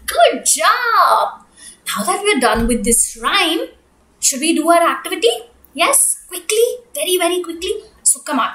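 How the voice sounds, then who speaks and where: High-pitched woman as kids show host. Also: unhurried. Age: young adult. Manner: animated, coaxing, repetitive, addressing children directly. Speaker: preschool storytelling teacher, kids show host. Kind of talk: kids show host, sing-song presenting to small children. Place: small room indoors. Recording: echoey room.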